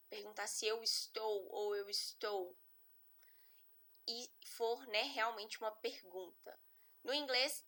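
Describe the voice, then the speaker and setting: Bright, slow-paced woman teaching. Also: fairly high pitch. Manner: patient, step-by-step explaining with frequent check-ins. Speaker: English teacher. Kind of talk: online lesson explaining grammar.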